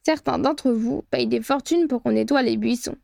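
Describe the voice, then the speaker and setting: Brief: a cunning female harpy boss, gravelly and clipped, menace in every word; a woman narrator puts her on. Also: on the high side, moderate pace, warm tone, no room sound, clean studio sound. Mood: blunt.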